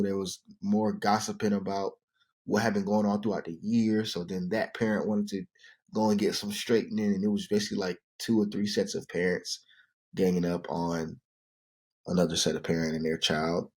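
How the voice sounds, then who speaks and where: A man in his thirties with a very low, deep voice, chatting casually as a podcast co-host. He tells stories in an easygoing way, full of "you know" and "like". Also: a little fast. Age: 30s. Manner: relaxed storytelling, many fillers. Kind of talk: casual chat.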